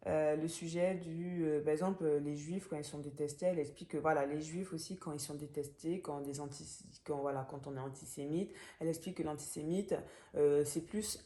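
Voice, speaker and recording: A young woman speaks with a Gabonese French accent, her voice low and mellow. She talks through a book review in a casual, hesitant way, full of fillers and restarts. The room around her sounds roomy and echoey. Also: steady tone, fairly quick.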